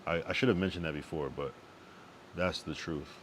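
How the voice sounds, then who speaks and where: A young man from Connecticut and Massachusetts on the US East Coast chats loosely on a late-night live stream, laid-back and profane, often repeating his phrases. He has a bass voice at normal speed, with a noisy background.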